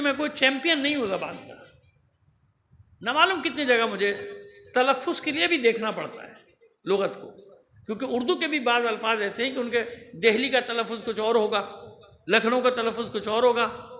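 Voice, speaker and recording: A man's voice: very high voice, sharp tone. A man, a cleric, delivering an emphatic, admonishing sermon at a religious gathering into a microphone in a large prayer hall. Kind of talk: Muharram majlis sermon. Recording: roomy hall with faint hum.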